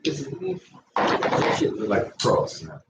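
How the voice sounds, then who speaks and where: Deep-voiced man clowning around on a phone livestream, bouncy tone, echoey room. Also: very animated, extremely slow, heavy background noise. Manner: playful, joking slang. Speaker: host's partner. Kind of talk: casual livestream chat.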